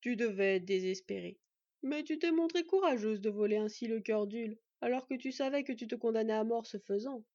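A woman reads the part of an old one-eyed god who is soft-spoken, grave and kind, keeping her tone dark and mellow in a measured, gentle, kindly way. Her pitch is fairly high and close to an everyday voice, and the storybook recording is dry and dull.

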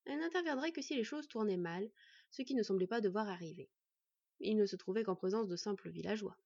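Warm, breathy female audiobook narrator. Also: medium pitch, a little fast, dry recording. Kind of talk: scripted narration. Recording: dull, dry recording.

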